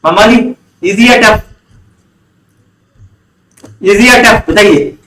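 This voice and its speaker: A man's voice: high voice, very slow, sharp tone, echoey room, poor audio. A man teaching an online commerce class, often quizzing students and repeating key terms. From India. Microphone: online class recording.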